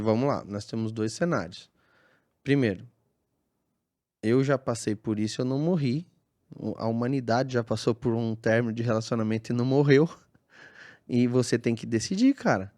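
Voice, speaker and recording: A man tells a story on a podcast. He acts out each exchange, and his voice keeps leaping up and dropping down as he plays the different people. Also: mid-range voice. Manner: animated, acts out dialogue in lively voices. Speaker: burger restaurant owner, guest.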